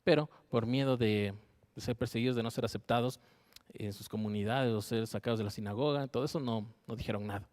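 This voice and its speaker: A man preaching a Bible study at an ordinary, middle pitch. He reads verses aloud and unpacks them, stopping again and again to ask his listeners whether they follow. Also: fairly even intonation, brisk, a little mellow. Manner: checks in with listeners with a frequent questioning "¿sí?".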